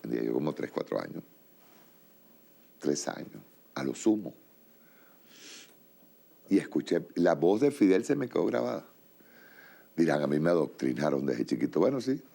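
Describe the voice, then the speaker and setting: Deep gravelly male TV host. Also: very animated, moderate pace, pauses often, dark tone. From Venezuela. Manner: rambling, emphatic, many restarts. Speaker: TV show host. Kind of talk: political commentary monologue.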